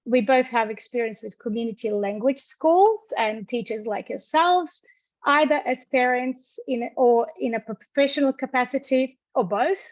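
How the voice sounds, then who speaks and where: On dry, muffled video-call audio without any room sound, a higher-voiced woman lectures at a university and hosts an online webinar. A native Croatian speaker, she covers housekeeping and introductions in a friendly yet halting way, restarting often and using lots of fillers.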